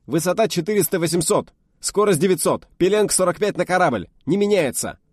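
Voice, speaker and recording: A man voicing an eager young male officer who barks out crisp military reports. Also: on the high side, animated, quick pace, a little mellow, dry recording, studio quality, voice pushed up. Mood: barking reports.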